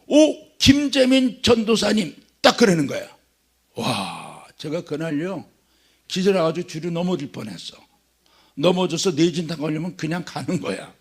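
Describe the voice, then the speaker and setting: Man preaching in a church; husky and gravelly, jokes his way through an animated sermon. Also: a little high, moderate pace. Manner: joking, animated storytelling. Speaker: guest preacher at a revival meeting.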